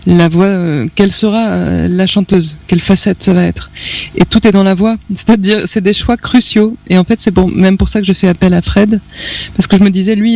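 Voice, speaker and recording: A woman singer as a guest in a radio studio interview, talking reflectively and hesitantly, pausing often to find her words. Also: fairly low pitch, a little mellow. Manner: reflective, hesitant with many pauses and fillers.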